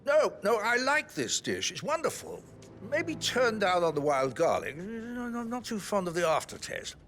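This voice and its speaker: A man's voice: sits high, very animated, moderate pace, a bit bright, slight background noise. An actor playing a wealthy male diner, posh and relishing his meal. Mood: indulgent. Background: game music.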